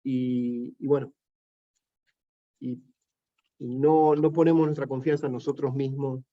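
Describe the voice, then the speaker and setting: A man's voice: medium pitch, steady tone, a little slow, lo-fi sound. A man teaching a Bible study as a pastor, talking in a loose conversational way with frequent fillers and "¿no es cierto?".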